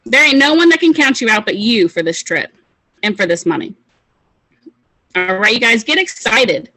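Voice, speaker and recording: A young woman leading a team call with a fired-up motivational pep talk, casual and excitable. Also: a little high, normal speed, dry recording, faint music behind, poor audio. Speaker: team leader of a sales call.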